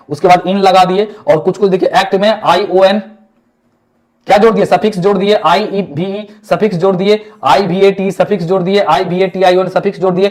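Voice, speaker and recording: A man's voice: high voice, a little mellow. A young man with a Bihari Hindi accent teaching English vocabulary as a lecture, asking questions and answering them himself, repeating words. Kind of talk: classroom lecture.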